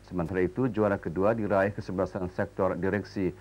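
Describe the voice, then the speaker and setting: A man with an Indonesian accent reading formal scripted television news, with measured, formal enunciation, as an anchor. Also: deep voice, fairly even intonation, darkish tone. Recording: noisy old TV broadcast recording.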